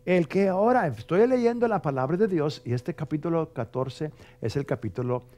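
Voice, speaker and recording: Male pastor, TV sermon, emphatic, chatty, somewhat high-pitched. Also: lively intonation, moderate pace. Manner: emphatic, conversational, with frequent rhetorical tags; mimics dramatic prayer voices loudly for effect. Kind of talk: television sermon.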